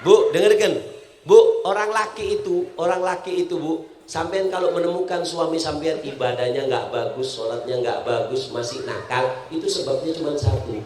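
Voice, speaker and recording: A man's voice: on the high side, moderate pace, a little mellow, slight background noise. A man with a Madurese accent preaching a humorous sermon, speaking straight to his congregation and mixing jokes with teaching. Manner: addresses the audience directly, mixing jokes and teaching. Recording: echoey hall sound.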